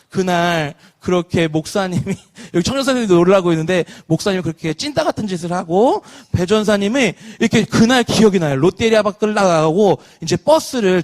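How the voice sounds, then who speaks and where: A pastor in his thirties giving an online children's sermon, asking the kids questions and leading call-and-response. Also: sits high. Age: 30s.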